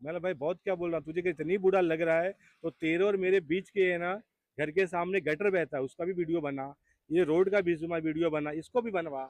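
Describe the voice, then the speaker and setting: A man's voice: a little high, steady tone, fast, no echo. A man recounting an incident to a reporter in a casual, rambling, repetitive way. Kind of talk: casual spoken account. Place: outdoors on a street.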